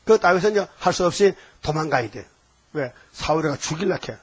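An older man preaching a fiery sermon as pastor, firing rhetorical questions at the congregation and swinging between shouts and low, hushed lines. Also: animated, a little fast, husky.

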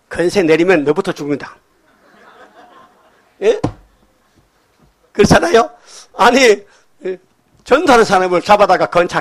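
An older man preaching a sermon to his congregation, rambling from story to story and prodding the listeners with quick questions. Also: on the high side, fairly bright tone. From Gyeongsang Province, Korea. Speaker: pastor.

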